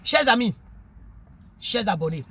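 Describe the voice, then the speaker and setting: A man casually vlogging to his subscribers, animated and preachy, often repeating words while he searches for them. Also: high voice, a little slow, slight background noise. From Ivory Coast. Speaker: YouTuber.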